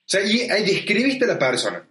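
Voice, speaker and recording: A young Argentine man chats with a lively, swooping delivery and a fairly high voice. He laughs easily and hammers his points home with emphatic examples. The room is echoey. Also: brisk. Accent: Argentine Spanish. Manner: animated, laughs often, explains with emphatic examples. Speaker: podcast host. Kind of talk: casual chat.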